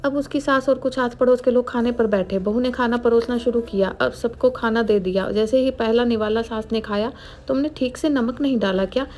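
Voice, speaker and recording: A woman's voice: on the high side, moderate pace, hardly any pauses, darkish tone. Chatty woman telling a story. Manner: chatty, addresses the listener. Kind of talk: storybook narration.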